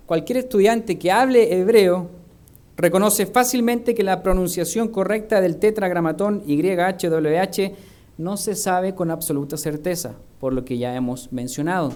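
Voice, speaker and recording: Man, Chilean Spanish accent, fairly high voice, preaching, rhetorical questions. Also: darkish tone. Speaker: minister. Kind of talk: sermon. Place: church.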